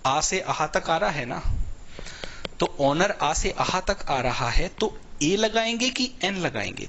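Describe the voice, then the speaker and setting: A man's voice: fairly high pitch, pushed and bright. A male teacher explaining English grammar in Hindi, often asking his students rhetorical questions, with Indian-accented English words. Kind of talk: online exam-prep class.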